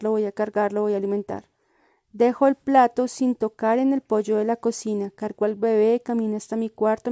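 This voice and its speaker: Flat-toned woman reading fiction. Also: a little high, no echo, clean studio sound. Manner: calm, measured, even storytelling delivery. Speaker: reader. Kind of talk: first-person literary reading.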